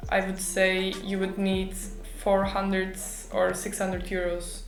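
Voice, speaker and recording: A woman's voice: mid-range voice, monotone, slow pace. A young woman from Turkey with a Turkish accent, answering interview questions informatively as an international student. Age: young adult. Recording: roomy echo, music behind.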